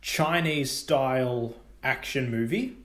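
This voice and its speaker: An excitable young man talks movies as co-host of a casual chat show, his voice sitting at an ordinary pitch. His words jump from topic to topic, often with bursts of enthusiasm. The room gives everything a noticeable echo. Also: takes it slowly. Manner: animated, jumps between topics with bursts of excitement. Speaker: podcast co-host. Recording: roomy echo.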